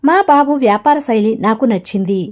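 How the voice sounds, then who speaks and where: A woman narrating a self-help audiobook in a steady, measured reading voice. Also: on the high side.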